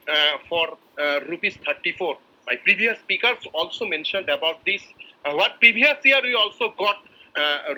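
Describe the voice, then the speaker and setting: A man's voice: sits high, bright, forceful tone, rough recording. A man from India, a shareholder, giving a formal and effusive prepared address over a video call, with hesitant fillers and restarts. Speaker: shareholder speaking at a company meeting.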